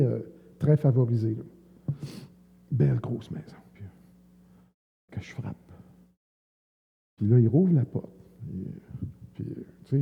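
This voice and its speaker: Quebec French evangelist, colloquial testimony, long church reverb, phone-thin sound. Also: male voice, medium pitch, creaky, husky, phone-quality sound. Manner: colloquial storytelling, many fillers.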